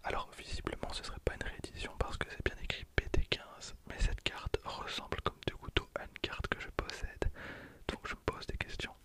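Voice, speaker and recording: This ASMR video host, a man in his twenties, speaks in a soft, slow whisper with repeated phrases. He narrates a card pack opening, using a handheld recorder placed close as his microphone.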